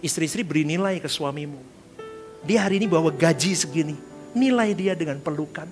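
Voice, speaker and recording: A male pastor giving a lively sermon in church, joking with the congregation and calling for responses, dropping in English words. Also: on the high side, brisk, soft background music. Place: church service before a congregation.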